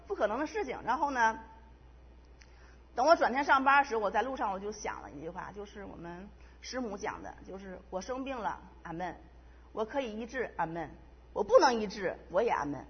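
A middle-aged woman rushes through her personal testimony in a husky voice, repeating phrases as the feeling builds. She is heard through a dull, lo-fi recording with a long reverb tail from the hall. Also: medium pitch. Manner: emotional, quick storytelling with repetitions. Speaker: church member giving testimony.

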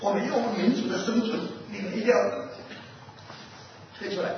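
A man's voice: sits high, moderate pace. A male pastor preaching a sermon, asking his listeners questions and acting out an animal fable. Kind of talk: sermon with storytelling. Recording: distant echoey hall, muffled, noisy.

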